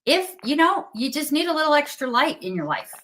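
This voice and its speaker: A woman's voice: high voice, sing-song, fairly quick, a bit bright. A woman hosting a live craft sales stream, chatty and upbeat, giving away prizes and reading out winners. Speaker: livestream host for a craft company.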